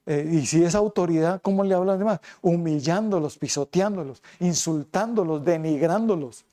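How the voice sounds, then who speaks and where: A man preaching as a pastor, emphatic, pressing his flock with rhetorical questions and moving between quick and slow passages. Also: fairly high pitch, dark tone. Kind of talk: sermon.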